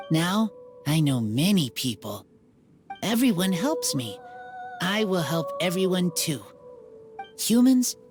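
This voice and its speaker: A wolf-raised youth speaking in broken words. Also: male voice, on the high side, exaggerated voice. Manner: halting broken speech, slow and plain. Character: wild young man raised by wolves, simple and earnest. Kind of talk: video game character dialogue. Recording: game audio with music behind.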